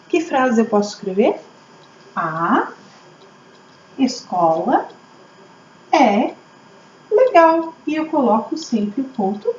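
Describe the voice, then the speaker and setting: A woman teacher, slowly sounding out words syllable by syllable for young children. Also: a little high. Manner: slow, syllable-by-syllable, lively teacher questions. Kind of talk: early literacy lesson for children. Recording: echoey room, slightly dull audio, faint hum.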